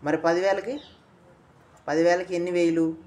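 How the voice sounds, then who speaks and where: A man's voice: high-pitched, fairly even intonation, normal speed, darkish tone. A man quizzing a young boy in a casual way, coaxing him along and repeating his answers back, then dictating lines phrase by phrase for the boy to repeat.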